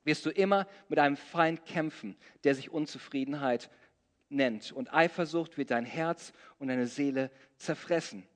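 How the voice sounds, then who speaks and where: High-voiced preacher man in a big hall. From Germany. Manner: preaching with humorous storytelling. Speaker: pastor. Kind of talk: sermon. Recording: long reverb of a large hall.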